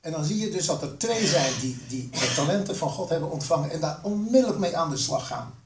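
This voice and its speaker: An older man giving an earnest sermon, asking the listeners questions and pausing with fillers. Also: fairly high pitch, lively intonation, background noise. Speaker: preacher. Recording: roomy hall, voice from a distance.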